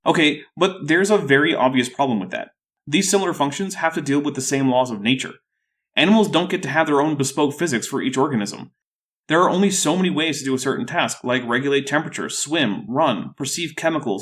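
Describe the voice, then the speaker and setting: A man's voice: a little high, animated, a little fast, fairly bright tone. A man with a thick, sore-throated voice hosting a scripted rebuttal video in a dry, skeptical way. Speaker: YouTube host.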